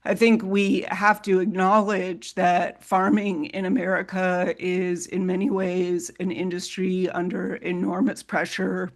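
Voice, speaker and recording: A woman's voice: fairly low pitch, little pitch movement, measured pace, hardly any pauses. A woman giving testimony as a resident at a public hearing, her voice shaky and wobbly from a vocal tremor.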